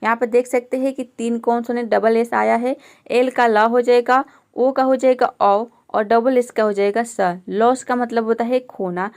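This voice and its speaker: A woman's voice: a little high, fairly even intonation, moderate pace, a little mellow, clear, resonant tone. A woman teaching an English pronunciation lesson step by step, patiently explaining each letter and asking rhetorical questions to her students.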